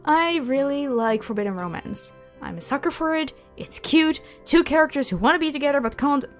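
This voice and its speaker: A channel host who creates audio roleplay speaks a little fast in a high, expressive voice. She's casual, animated, and self-effacing, much like a creator fielding questions from listeners. There's music in the background.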